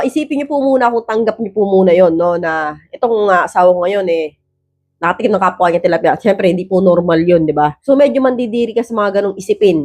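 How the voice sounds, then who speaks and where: A woman hosting an advice vlog in a casual, blunt way. She keeps checking in with tag questions, and her voice has a roughened edge from years of rapping. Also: medium pitch. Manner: rapid, blunt delivery she calls man-like. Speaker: advice vlogger, host. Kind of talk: casual advice talk to viewers.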